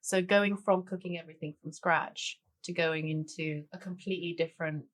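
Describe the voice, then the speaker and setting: Speaking at a moderate pace in a low-pitched, steady voice, a Tanzanian-raised woman in her forties, born in Denmark, chats easily as a guest chef. The cookbook author keeps the relaxed conversational interview loose with many "sort of"s and "you know"s.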